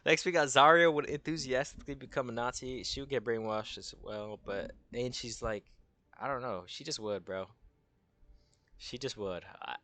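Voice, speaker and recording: A man's voice: mid-range voice, normal speed, bright, forceful tone. A young man hosting a casual gaming tier-list video, rambling in crude slang and losing his train of thought.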